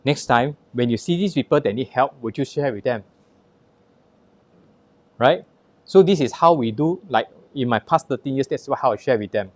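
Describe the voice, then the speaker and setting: Presenting a product demo live, this Singaporean-accented man directs his audience in short, punchy lines, asks rhetorical questions, and mixes in stories from his own life. His expressive, medium-pitched voice has a darkish tone and moves at a moderate pace with long pauses, with no echo.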